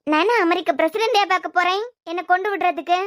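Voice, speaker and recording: A sharp-tongued young cartoon wife with a Kanyakumari Tamil accent, voiced by a woman. Her voice is very high and squeaky and sounds dry and close. She fires back sarcastic comebacks. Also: fast, no echo. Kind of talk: cartoon voice acting.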